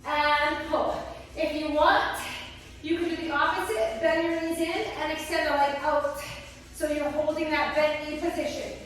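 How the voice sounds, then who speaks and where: High-voiced woman coaching a workout in echoey space. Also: flat delivery, a little slow, fairly bright tone. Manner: short clipped cues and countdowns; encouraging, working out along with viewers. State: exerting, puffing between sets. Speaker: fitness instructor. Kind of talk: workout coaching, counting and cueing. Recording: echoey hall, distant microphone.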